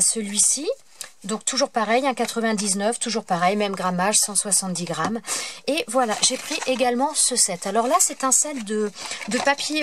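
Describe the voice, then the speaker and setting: A woman's voice: on the high side, background noise. A woman from France chatting casually in a haul video, hesitant and full of fillers as she shows her craft purchases. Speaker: craft vlogger.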